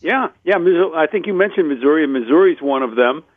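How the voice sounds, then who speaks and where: A man's voice: fairly high pitch, animated, fast, no room sound. A man calling in to a talk radio show, chatting eagerly and apologizing when he gets ahead of the host. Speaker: caller. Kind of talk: phone-in conversation. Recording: tinny phone line.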